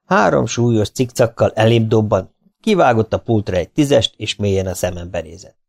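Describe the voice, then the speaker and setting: A man's voice: lowish voice, expressive, gravelly, a little mellow. A man reading a memoir aloud as an audiobook, in a dry, wry storytelling manner. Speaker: audiobook reader.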